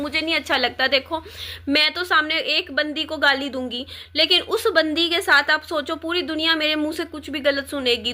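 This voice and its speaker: Distressed young woman vlogging, high bright voice, keeps repeating herself, upset but firm. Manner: upset, pleading and defiant, repeats words. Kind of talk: emotional direct-to-camera rant.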